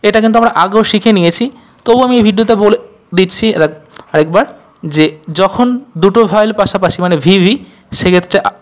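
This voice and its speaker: A teacher explaining English pronunciation rules, who speaks patiently and spells words out letter by letter. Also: mid-range voice.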